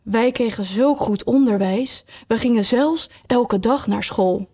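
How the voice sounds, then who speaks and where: A woman voicing a mournful male Mock Turtle in a storybook reading. He talks slowly, with sobs and sighs. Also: fairly high pitch, dark tone. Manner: slow, sobbing, self-pitying.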